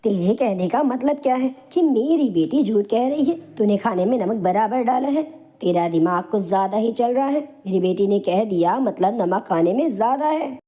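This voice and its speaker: A harsh, bullying middle-aged aunt, as a woman voices her in a cartoon story. She taunts and scolds with a high, mellow tone. The voice acting is animated and sharp-tongued. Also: normal speed. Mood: harsh scolding.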